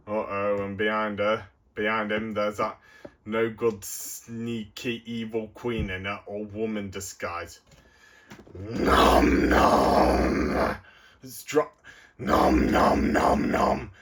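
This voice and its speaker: Bright, excitable man reviewing toys. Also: lowish voice, normal speed. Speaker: toy review YouTuber. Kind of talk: casual toy review to camera.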